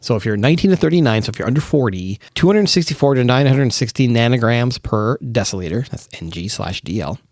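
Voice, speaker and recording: Man, podcast co-host, rapid delivery, dry dead sound. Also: mid-range voice, animated, darkish tone, dry recording. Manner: quick, joking, laughs easily. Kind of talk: casual podcast chat.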